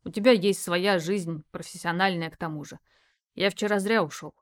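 A woman's voice: lowish voice, moderate pace, lightly acted. A woman voicing a touchy, defensive young man with curt, sulky replies in an audiobook reading.

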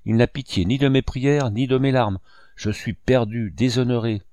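A man's voice: mid-range voice, normal speed, dark tone, no room sound, clean studio sound, natural voice. A man reading the lines of a desperate older male banker in an audiobook, pleading and outraged. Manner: agitated, imploring.

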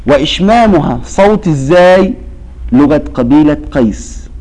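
Egyptian sheikh teaching a recitation class, somewhat high voice, prompts students for missing words, stretches out quoted verses. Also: male voice, expressive, darkish tone, low-quality recording. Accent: Egyptian Arabic. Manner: quizzes students with fill-in-the-blank questions; slow, drawn-out recitation of verses. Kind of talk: classroom lesson.

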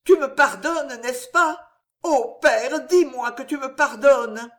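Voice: high-pitched, slow pace, a bit bright, pitched above the performer's own voice. A reader voicing a desperate young noblewoman in an audiobook, pleading in a raised, tearful voice. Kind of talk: audiobook character reading.

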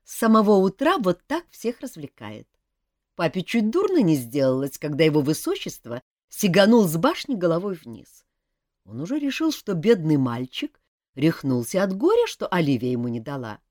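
A woman's voice: lowish voice, wildly swooping pitch, moderate pace, darkish tone, no room sound, clean studio sound, pitched above the performer's own voice. A woman voicing a frank, earnest young woman in an audiobook, speaking in a forthright way. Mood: cheerful.

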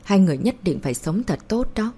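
A woman's voice: medium pitch, very animated, quick pace, dark tone, husky. A woman voicing an emotional young mother in an audiobook, talking in an earnest, pleading way.

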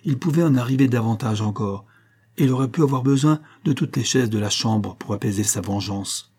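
A man reading a classic novel aloud as an audiobook narrator, measured and steady. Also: mid-range voice, slightly rough.

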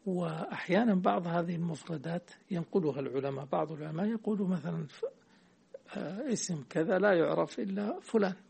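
Sheikh teaching class, gravelly husky voice, stops to quiz the student. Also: male voice, high-pitched, fast, darkish tone. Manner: quizzes the student, corrects readings, explains patiently. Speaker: teacher of hadith sciences. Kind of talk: classroom text commentary.

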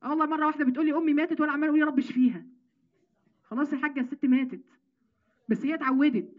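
Quick high-voiced Egyptian woman teaching. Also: narrow, tinny audio. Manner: lively, conversational, rhetorical questions. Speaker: religious teacher. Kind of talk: Quran commentary lesson.

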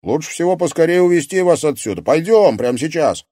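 A man voicing a brisk young male ally who speaks with urgency. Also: fairly high pitch, animated, mellow, dry recording, clean studio sound, voice pushed up. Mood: urgent.

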